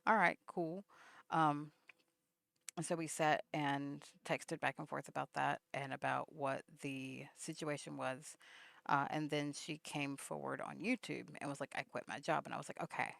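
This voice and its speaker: Gravelly-voiced woman rambling through a vlog story. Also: sits low, little pitch movement, normal speed, fairly bright tone, no echo. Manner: rambling, many fillers, acts out remembered texts. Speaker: vlogger.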